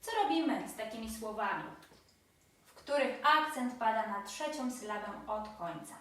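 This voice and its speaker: A woman's voice: on the high side, expressive, moderate pace, fairly bright tone, far from the mic. Polish woman teaching in an echoey room. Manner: counting syllables aloud, stressing example words. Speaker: Spanish teacher. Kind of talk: explanatory lesson.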